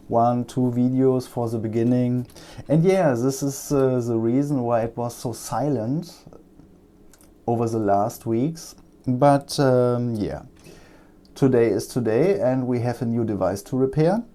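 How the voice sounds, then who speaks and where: Working at his bench, a German man with a warm, mid-range voice and German accent talks through fixing a laptop in a relaxed repair vlog. He's a technician, and he pauses often, filling gaps with ums and uhs.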